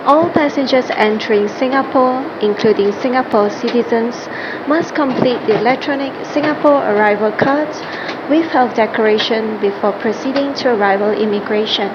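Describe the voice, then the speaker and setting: A woman's voice: a little high, normal speed. A woman flight attendant reading a scripted plane cabin announcement over a cabin speaker. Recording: dull lo-fi cabin PA, loud aircraft hum. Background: steady aircraft cabin noise.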